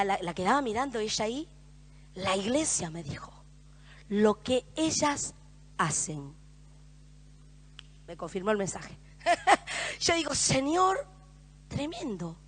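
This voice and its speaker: A middle-aged woman with an Argentine accent preaching a sermon in church, moving between loud, emphatic exhortation and hushed storytelling. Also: mid-range voice. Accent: Argentine Spanish.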